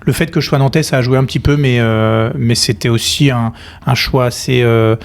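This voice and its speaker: A man in his thirties, originally from Nantes, talking casually as a guest in a podcast interview, relaxed and hesitant, with many fillers and restarts. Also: medium pitch, normal speed. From France, Nantes. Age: 30s. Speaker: guest, company cofounder.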